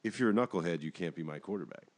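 Casting: deep-voiced male podcast host, casual rambling sports talk. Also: racing. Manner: animated, rambling.

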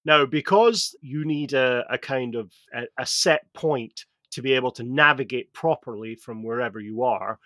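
A man's voice: mid-range voice, moderate pace, hardly any pauses, a bit bright, no room sound. A man hosting a casual podcast chat, explaining game lore in a rambling way with many fillers and restarts.

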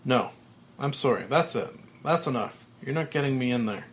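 A man voicing a panicked man who thinks he is being buried alive, yelling and frantic. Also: mid-range voice, lively intonation, normal speed, a little hiss or hum, close to an everyday voice.

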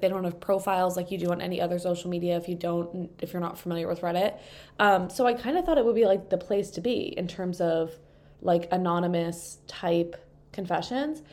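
Stuffed up from allergies, a twenty-something woman rambles through her casual solo podcast, filling her chatty talk with fillers. Her voice is on the low side and a little mellow, picked up indoors by a mic resting on a table.

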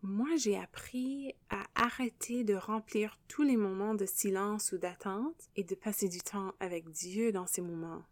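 A young Canadian woman with an English-speaking accent, French not her first language, hosting a gentle, earnest devotional podcast. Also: mid-range voice, a little slow, hardly any pauses, no echo.

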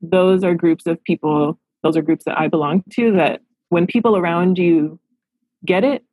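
A woman's voice: fairly low pitch, moderate pace, dark tone, slightly rough, no room sound, low-quality recording. A woman in her thirties from Los Angeles, a therapist answering interview questions in a reflective, earnest way. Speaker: therapist and practice owner.

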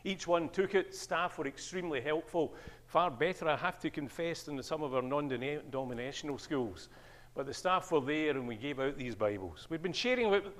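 An older man with a Scottish accent preaching a sermon in a church, telling stories with lively swings in pitch. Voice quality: animated storyteller, wide pitch swings on quoted speech. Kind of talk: sermon with anecdotes.

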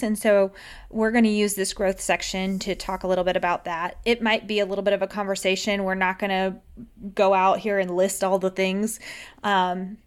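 An American woman with a smooth, medium-pitched voice co-hosts a podcast. She chats in an upbeat way and laughs often during the casual conversation.

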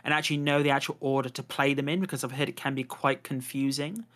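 A man's voice: mid-range voice, fairly even intonation, quick pace, a bit bright. A man hosting a casual podcast chat, rambling with lots of fillers and a habit of saying "to be honest". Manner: chatty, many fillers, "to be honest". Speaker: podcast host.

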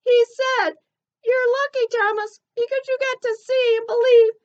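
Woman doing a squeaky little girl elephant. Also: a little slow, muffled recording. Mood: eager. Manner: eager, excitable storytelling. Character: squeaky young female elephant, sweet and earnest.

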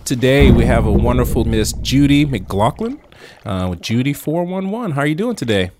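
A man's voice: mid-range voice, very animated, moderate pace, noisy background. A male podcast host who welcomes his guest and asks questions, answering her with brief affirmations. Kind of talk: interview hosting.

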